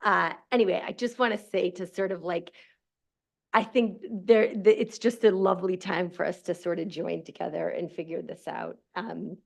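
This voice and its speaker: A nervous woman in her forties with a shaky voice, giving a halting public comment at a school board meeting, full of fillers and restarts. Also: lowish voice, fairly even intonation, creaky. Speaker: public commenter, social worker and mother.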